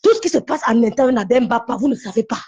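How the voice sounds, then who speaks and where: A woman's voice: a little high, fast talker, darkish tone, slightly rough, muffled recording. A woman calling into a live stream, talking in an insistent, repetitive, confrontational way. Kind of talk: heated live-stream call.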